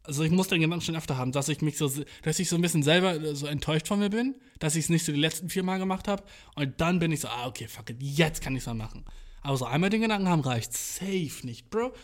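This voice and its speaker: A man's voice: fairly high pitch, fast talker, few pauses. A young man chatting casually as a podcast host, rambling in slangy, profane talk and acting out his inner voice. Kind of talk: casual chat.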